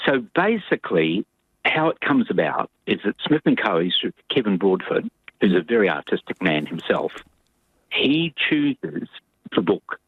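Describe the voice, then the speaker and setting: An older man from New Zealand speaks over a tinny, dry phone line from his home abroad. His voice sits low and a little husky, but he tells his story with lots of swing in pitch, wandering from point to point. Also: unhurried, no echo. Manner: animated, rambling storyteller. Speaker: puppet maker guest. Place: home in rural Queensland, Australia, on a phone line.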